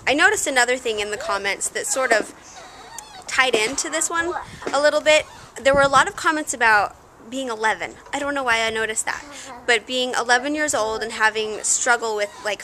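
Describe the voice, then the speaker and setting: Woman vlogger, high voice, giggly casual chat outdoors, noisy home video. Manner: giggly, chatty, often breaks off. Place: outdoors in the shade.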